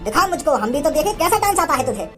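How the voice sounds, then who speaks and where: A performer voicing a short-tempered village father in a cartoon, teasing and bossy with a threatening edge. His voice sits fairly high, and faint music plays behind him. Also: sing-song, quick pace, fairly bright tone. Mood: mocking. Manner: mocking, then bossy and threatening. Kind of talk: cartoon voice acting.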